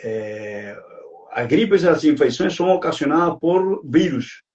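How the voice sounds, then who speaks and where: Cuban-accented man, Spanish native, slightly high, hesitant earnest delivery; distant, dull mic. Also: animated, a little slow, darkish tone. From Cuba. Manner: earnest, hesitant with frequent fillers. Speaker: guest health expert. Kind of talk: live-stream talk.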